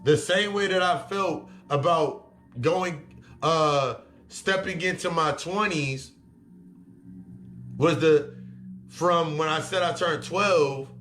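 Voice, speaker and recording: Over soft background music, a man with a highish, fairly bright voice speaks slowly and pauses often. The spiritual reader and life coach offers a motivational monologue that is frank and profane, restating his points to drive them home.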